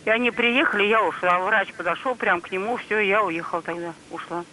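A woman's voice: medium pitch, a little fast, bright, forceful tone. Woman, phone-in caller, heard over a phone line, earnest, plain-spoken, story from life, faint background noise. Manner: earnest, plain-spoken, acts out the dialogue she retells. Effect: heard over a phone line on air. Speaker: caller to a TV call-in show. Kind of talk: telling a personal story on the phone. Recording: phone call aired on a broadcast.

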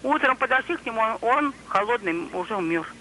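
A woman's voice: on the high side, expressive, fairly quick, sharp tone, slight background noise. A woman calling in to a TV show over the phone, telling a personal story earnestly and plainly, acting out the dialogue she retells. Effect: heard over a phone line on air. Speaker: caller to a TV call-in show. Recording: phone call aired on a broadcast.

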